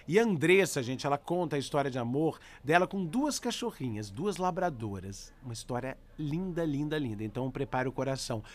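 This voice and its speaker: A man's voice: medium pitch, animated, fairly quick, hardly any pauses. A man with a Brazilian accent hosting a podcast in an effusive, informal way, talking straight to listeners. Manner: exclamatory, effusive, informal, addresses listeners directly. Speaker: podcast host. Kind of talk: animated pet podcast hosting with listener chat and story reading. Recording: music bed under the voice. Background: background music.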